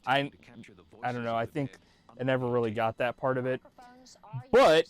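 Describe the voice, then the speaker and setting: A man's voice: medium pitch, normal speed, smooth. A man hosting a casual, jokey reaction commentary on an old show, swearing now and then and acting out mock quotes. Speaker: host reviewing an old TV show.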